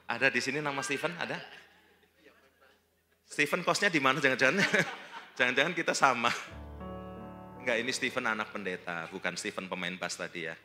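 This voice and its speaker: A male pastor preaching a sermon with a personal testimony, often calling the congregation "saudara" and rising from quiet storytelling to loud, fervent preaching. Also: mid-range voice.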